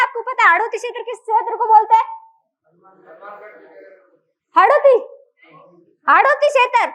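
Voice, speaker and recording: A woman leads a grammar class, her voice pitched very high. She keeps firing questions at her students as she explains. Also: fairly bright tone, rough recording. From India. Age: adult. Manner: asks the class frequent questions. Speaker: teacher.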